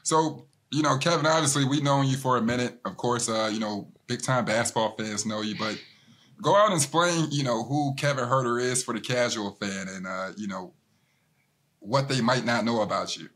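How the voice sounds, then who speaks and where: A man's voice: mid-range voice, moderate pace, fairly bright tone. A man in his thirties co-hosting a podcast over a video call, talking in a loose, slangy, laughing way. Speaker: podcast co-host. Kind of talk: casual podcast conversation. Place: hotel room. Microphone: earbuds, video call.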